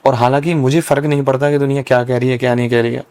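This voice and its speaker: A young man who is a Brahmin priest appears as a guest on a casual podcast, explaining things at length and earnestly. His medium-pitched voice is a little mellow, very fast, and flat in delivery.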